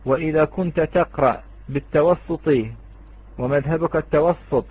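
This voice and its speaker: A man's voice: on the high side, steady tone, moderate pace, breathy edge, no echo. A man teaching a tajweed lesson to students, explaining patiently and asking and answering his own questions. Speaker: Quran recitation teacher. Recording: tinny phone-line sound.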